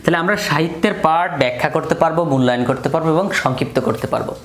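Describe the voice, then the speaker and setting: A man's voice: a little high, fast talker, fairly bright tone. A male English teacher running a classroom vocabulary drill. He repeats each word meaning several times and has the class answer back. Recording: echoey room with faint background noise.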